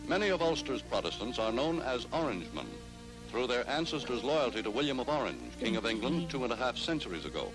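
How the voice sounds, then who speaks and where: A man's voice: mid-range voice, sing-song, fast talker, loud music behind the voice, low-quality recording. A man giving formal, declamatory documentary narration on an old newsreel soundtrack. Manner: formal, declamatory announcer delivery.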